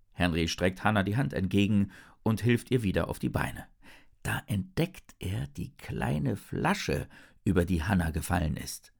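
Slow, expressive children's storyteller. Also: medium pitch, gravelly.

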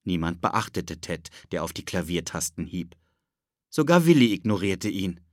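Expressive male audiobook narrator. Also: low voice, normal speed, no echo, clean studio sound. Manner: expressive storytelling.

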